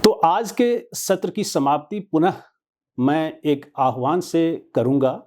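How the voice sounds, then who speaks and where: A man narrates in a slow, measured, formal way. His voice is dark and mellow, and each phrase is set out deliberately, like a scripted address. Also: a little high, lively intonation, a little hiss or hum. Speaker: host.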